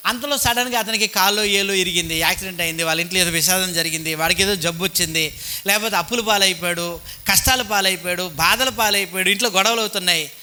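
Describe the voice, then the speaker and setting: A man's voice: high-pitched, fast, bright, forceful tone, clear, resonant tone. A man preaching a sermon to a church congregation with a Telugu accent, talking in a conversational way and asking his listeners questions as he goes. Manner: conversational, asks the congregation questions, mock-voices petty thoughts. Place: church hall. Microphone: cheap handheld microphone.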